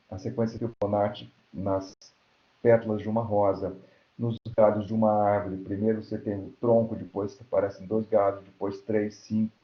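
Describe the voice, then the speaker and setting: A Brazilian man giving an academic lecture, explaining step by step and often checking in with "right?". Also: lowish voice. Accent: Brazilian Portuguese. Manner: explanatory, frequent checking tags like "né?" and "certo?". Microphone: computer mic on an online lecture platform. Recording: roomy, dull lo-fi online call audio.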